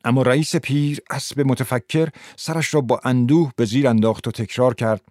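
A man reads a literary story in a measured, even narrating voice. The sound is dry and close to the microphone, with no room around it. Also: mid-range voice, no echo.

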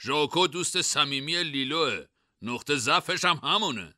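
Man playing a cunning young student, higher and bright, audiobook style. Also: expressive, no room sound, clean studio sound. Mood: scheming. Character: sly, scheming young male student.

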